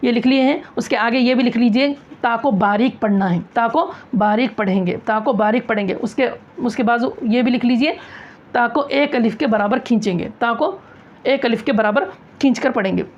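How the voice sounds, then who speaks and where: A woman's voice: fairly high pitch, normal speed, highs cut off, a little hiss or hum. A woman teaching a recitation class, repeating each point and asking and answering her own questions. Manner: repetitive, drilling, asks and answers own questions. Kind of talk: classroom tajweed lesson.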